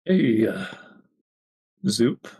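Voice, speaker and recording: A man's voice: lowish voice, big pitch swings, very slow, vocal fry, darkish tone, slightly rough. A man chatting casually as a player in a tabletop game.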